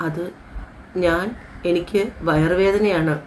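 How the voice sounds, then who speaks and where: A woman's voice: lowish voice, steady tone, takes it slowly, slight background noise. A woman voicing a shy, hesitant young bride in a story. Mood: timid. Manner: hesitant, timid.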